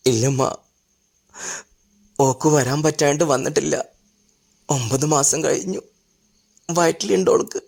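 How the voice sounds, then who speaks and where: A middle-aged actor playing a gentle, devoted grown son, speaking softly and earnestly in a family drama. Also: male voice, fairly high pitch, unhurried, gravelly, long pauses, breathy edge, exaggerated voice. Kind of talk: Malayalam family drama acting.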